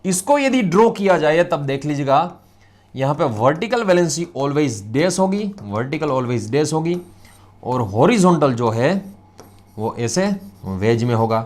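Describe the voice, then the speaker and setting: A man's voice: a little high, big pitch swings, measured pace, a little mellow. Gujarati-accented guy teaching chem, repeats stuff a lot, teases students a bit. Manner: repetitive, drilling, teasing asides to students. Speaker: chemistry teacher. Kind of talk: recorded lecture.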